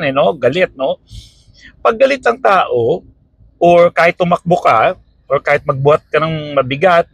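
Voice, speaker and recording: A man talks through a health topic in a loose, conversational way, often pausing to check in with his listeners. His voice sits a little high and has a gravelly, husky edge. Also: a bit bright, rough recording. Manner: conversational, peppers with "okay?" and "no?". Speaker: health talk host. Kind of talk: casual health explainer.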